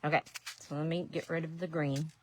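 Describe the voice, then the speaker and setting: Crafting during a live stream, a middle-aged resin artist and painting teacher from Ohio chats casually and rambles, making fun of herself in asides. Her Ohio accent comes with a voice that sits low, a flat delivery, and a brisk pace. The background is noisy.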